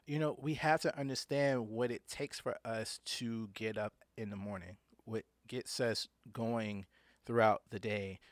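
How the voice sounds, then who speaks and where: A man's voice: on the low side, fairly even intonation, a little slow, no echo. A man with slightly slurred speech and imprecise T's and S's from an underbite, talking informally and hesitantly as a solo podcast host.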